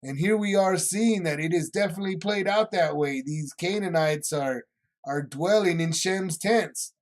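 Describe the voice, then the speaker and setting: Male Bible study teacher, a bit high-voiced, casual and rambling. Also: normal speed. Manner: loose, rambling retelling with many asides.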